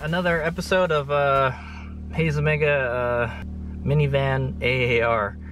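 A motovlogger in his thirties, medium-pitched and unhurried with fairly even intonation, sits inside a vehicle and recaps his trip to camera over music. His talk is casual and rambling, full of chuckles and phrases capped with "okay".

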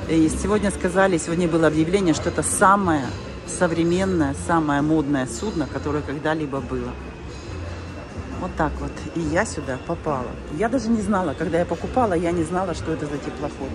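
An older woman vlogging on a handheld camera as she walks through a large indoor ship atrium and shopping halls, exclaiming excitedly at everything she sees. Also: low voice. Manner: excited, gushing, exclaims often. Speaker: vlogger touring a cruise ship. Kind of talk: casual walking vlog narration. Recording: busy public space with music and crowd. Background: music and crowd chatter.

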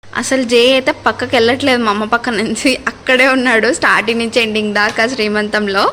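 A woman's voice: fairly high pitch, level tone, fast, fairly bright tone, slight background noise. A young adult woman chatting casually in a family vlog, reminiscing with playful asides. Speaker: family vlogger.

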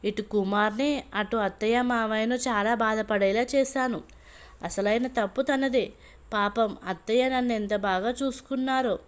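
A woman storyteller voicing a gentle young wife who speaks in a soft, pleading, sorrowful way, in a storybook reading. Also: fairly high pitch, steady tone, moderate pace, smooth, lightly acted. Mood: remorseful.

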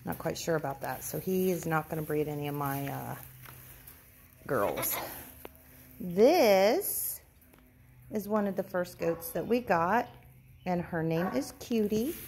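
Her voice is on the low side, darkish and gravelly, with lively intonation, a slow pace, and long pauses. A woman vlogger chats casually as she walks her farm with a phone camera, speaking sweetly to the animals and unsure of breeds. There's slight background noise.

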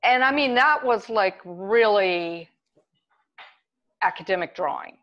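A woman artist answering interview questions in a measured, conversational way, with small laughs. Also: mid-range voice, animated, fairly bright tone, muffled recording.

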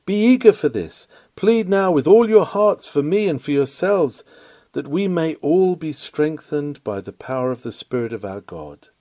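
A man with a fairly high, warm, animated voice reads a 19th-century sermon aloud at normal speed in an oratorical style. A reader of historic sermons, he delivers it earnestly, solemnly and with exhortation, in a dry recording.

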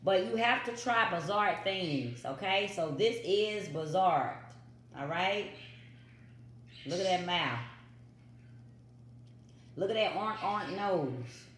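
A woman's voice: on the low side, lively intonation, slow pace, pauses often, a little hiss or hum. Chatty woman vlogging in an echoey kitchen. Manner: chatty, repeats catchphrases to viewers. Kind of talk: casual home cooking vlog. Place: home kitchen. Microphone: built-in phone mic on the counter.

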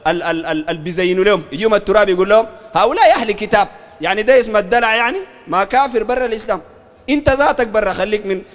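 A man's voice: high voice, fairly bright tone, long reverb tail. A man preaching in a blunt, combative way with a Sudanese Arabic accent. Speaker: sheikh preacher. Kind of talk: sermon and discussion talk.

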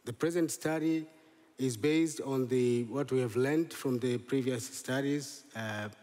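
A man's voice: mid-range voice, a little slow, dark tone. Hesitant man presenting in a reverberant hall. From Tanzania. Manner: hesitant, many fillers and restarts. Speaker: conference presenter. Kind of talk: scientific conference talk. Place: large lecture hall, standing on stage.

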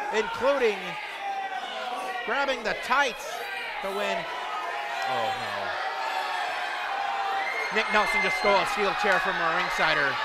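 A man doing dramatic, emphatic live play-by-play as a wrestling commentator, calling the moves. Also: high voice. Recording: loud crowd and noise in hall. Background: loud live crowd.

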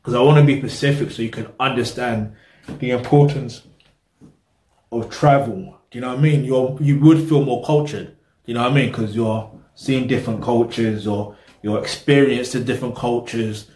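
A young man talks casually to his camera, rambling and circling back when he loses his thought. His voice sits at an ordinary middle pitch. The small room gives it a noticeable echo. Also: steady tone, moderate pace, darkish tone. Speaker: reaction video host. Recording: roomy echo.

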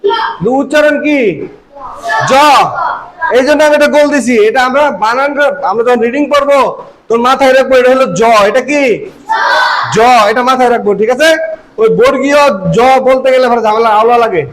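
A man's voice: very high voice, fairly even intonation, fairly quick, long pauses, a crowd in the background, rough recording. A man teaching a reading lesson, repeating letter sounds and checking that the students follow. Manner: repetitive, checks understanding with questions.

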